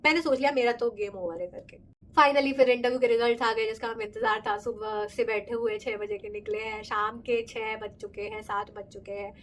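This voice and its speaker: A young woman from India tells her story to the camera in a chatty, expressive way, slipping English phrases into her talk. Her throat is sore, and her voice sits a bit high. A faint hiss of noise runs underneath. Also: moderate pace. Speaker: vlogger. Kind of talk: casual storytelling vlog.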